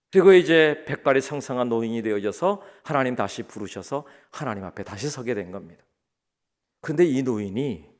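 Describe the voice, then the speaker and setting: A middle-aged man preaching a sermon as pastor, telling stories dramatically and swinging between loud pleas and hushed asides. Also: medium pitch.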